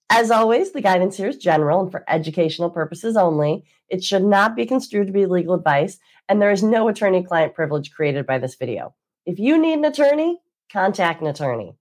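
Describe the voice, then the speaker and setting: A woman with a congested, stuffy-nosed voice, hosting a weekly news breakdown as an attorney in a conversational, emphatic way. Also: mid-range voice. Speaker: host, maritime attorney.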